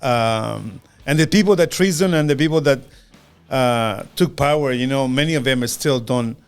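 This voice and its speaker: A man in his fifties from Chile, with a Chilean Spanish accent, co-hosting a podcast in an earnest, halting way, often repeating words. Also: medium pitch, clean tone, faint music behind. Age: 50s. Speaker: podcast co-host. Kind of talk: casual podcast chat.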